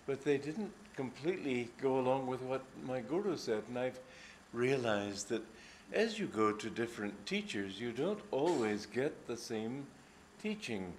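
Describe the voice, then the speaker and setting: Older guy teaching spiritual stuff, thoughtful and unhurried, lots of uhs, faint hiss behind. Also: medium pitch, very animated. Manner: reflective, anecdotal, unhurried with frequent hesitations. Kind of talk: informal spiritual talk. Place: gathering hall.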